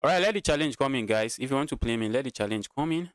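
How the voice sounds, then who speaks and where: Very fast and animated, a Nigerian chess streamer with a mid-pitched voice runs casual commentary on his game, repeating phrases as he thinks aloud and talks to viewers. There's no room echo; the sound is dry.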